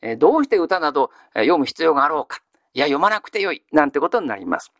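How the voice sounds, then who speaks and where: A male teacher giving a grammar lesson. He asks a question, then answers it himself in a measured way. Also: on the high side, big pitch swings, fairly bright tone, dry recording, clean studio sound. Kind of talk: classical Japanese grammar lesson.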